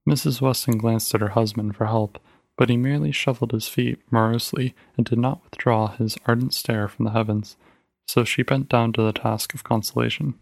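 A man narrates a short story in a steady, even storytelling voice. His pitch sits in the middle range, neither high nor low. The recording is dry and close, with no room sound. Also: normal speed, creaky, dry recording. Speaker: podcast narrator. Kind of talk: audiobook reading of a short story.

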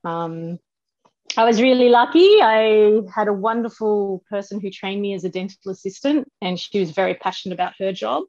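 A woman's voice: mid-range voice, animated, moderate pace, darkish tone, no room sound. Australian woman, dry and slightly dull sound. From Western Australia. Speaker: podcast guest, dental professional. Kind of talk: casual interview storytelling.

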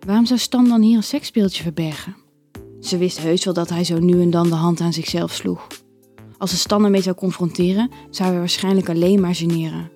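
A woman narrating an erotic audio story in a calm, even storytelling manner. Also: lowish voice.

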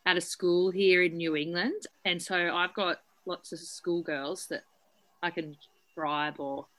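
Relaxed, chatty Australian woman. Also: lowish voice, a little slow. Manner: relaxed, chatty, many fillers. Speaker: guest, horse breeder and coach. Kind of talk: casual chat. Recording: noisy background.

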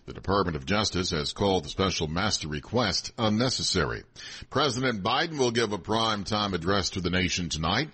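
A man's voice: sits low, expressive, a little fast, bright, forceful tone, breathy edge. A man anchoring the news, reading a scripted radio bulletin.

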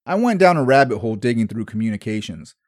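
A man hosting a history podcast, telling the story in measured, scripted narration. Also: medium pitch, very animated, dry recording, studio quality.

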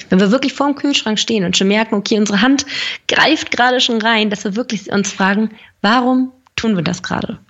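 A woman's voice: mid-range voice, slightly rough, highs cut off. A woman speaking as a podcast guest, explaining things informally and addressing the listeners directly. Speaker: podcast guest giving nutrition advice. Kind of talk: casual explanatory talk.

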